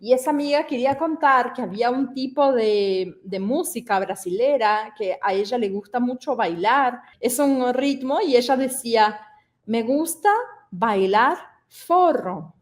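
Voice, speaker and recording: A woman's voice: a little high, normal speed, few pauses. A woman teaching an online lesson, explaining conversationally and asking listeners questions, speaking a language she learned as an adult. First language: not Spanish. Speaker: French pronunciation teacher.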